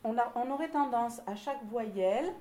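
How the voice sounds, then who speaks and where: Woman choir director, fairly high animated voice, encouraging, explains and sings examples, roomy rehearsal room. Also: moderate pace. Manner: encouraging, explains while demonstrating by singing.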